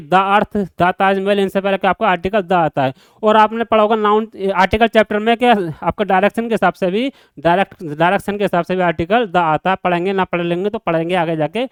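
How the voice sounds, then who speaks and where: A man with a Hindi accent leads a classroom grammar lesson in a high, smooth, clear voice. He keeps quizzing his students and repeats every answer to drive it home. The sound is dry and close, with no room echo. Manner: repetitive drilling questions to students. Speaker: grammar teacher. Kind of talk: classroom lecture.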